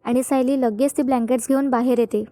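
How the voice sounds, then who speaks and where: Woman retelling a soap episode step by step, high mellow voice, dry sound. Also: fast, no room sound. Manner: steady storytelling with frequent "now" links. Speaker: narrator. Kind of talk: TV serial episode recap narration.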